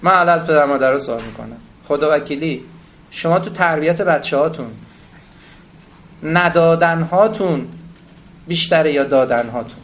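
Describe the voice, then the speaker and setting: A man delivers a religious lecture, reciting scripture and then explaining it in plain, self-deprecating talk. He often turns to the audience with questions. His voice sits fairly high, and the recording is dull and lo-fi. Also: pauses often, fairly bright tone. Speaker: cleric lecturer.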